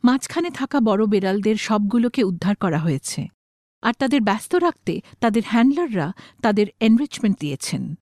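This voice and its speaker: A woman's voice: medium pitch, big pitch swings, a little fast, a little mellow, no room sound, studio quality. A woman reading an explanatory script as a narrator.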